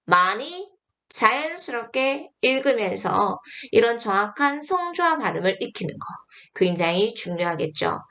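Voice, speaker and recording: A woman's voice: fairly high pitch, big pitch swings, moderate pace, pushed and bright. A young woman teaching pronunciation in an online lesson, drilling syllables one by one and correcting mistakes emphatically.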